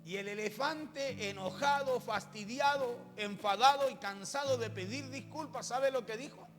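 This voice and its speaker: In an echoey church hall with music in the background, a man preaches a sermon built around a fable. His voice is very high and fairly bright, his pace moderate, and he frequently addresses his listeners directly as he tells the story.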